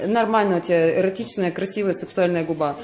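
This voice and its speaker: A woman's voice: fairly low pitch, fast, darkish tone, slight background noise. A middle-aged woman chatting casually and teasingly from behind a phone camera, sounding amused. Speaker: mother filming her daughter. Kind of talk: casual chat. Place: small dental clinic room, indoors. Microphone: holding the phone camera. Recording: echoey small room.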